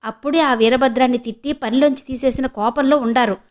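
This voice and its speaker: A woman's voice: high-pitched, fairly even intonation, a little fast, lightly acted. A woman voicing a timid, middle-aged village father who speaks hesitantly in rustic speech. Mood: placating.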